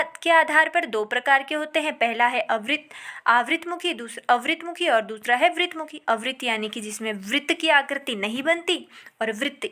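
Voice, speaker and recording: A woman teaching a lesson, who asks the class questions and answers them herself, and draws out vowel sounds slowly as examples. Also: a little high, pushed and bright. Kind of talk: classroom lecture.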